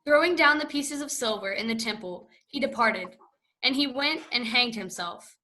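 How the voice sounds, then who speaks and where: A woman narrates scripture in a church, reading steadily and with care. Her voice sits fairly high and sounds bright and clear. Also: expressive, moderate pace.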